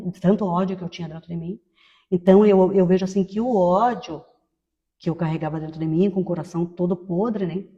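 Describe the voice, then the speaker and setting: A woman in her fifties giving a personal testimony in a conversational way, tagging many phrases with quick questions. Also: on the low side, mellow, in a large hall, highs cut off. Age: 50s. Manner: conversational, tag questions after most phrases. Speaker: testimony speaker.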